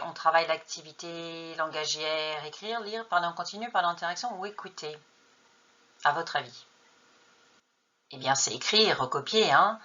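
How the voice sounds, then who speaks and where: A woman teacher trainer narrates a lesson on an English textbook, posing true-or-false questions and then answering them herself. Her voice is low and sharp-toned, and the recording sounds muffled.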